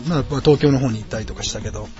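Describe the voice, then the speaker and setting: A man's voice: mid-range voice, racing. A man in his late thirties from Osaka, hosting his own podcast in a friendly, rambling way with many hesitant fillers. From Osaka, Japan. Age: late 30s. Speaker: podcast host. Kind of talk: casual solo podcast chat. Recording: dull lo-fi sound with faint background music. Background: quiet background music.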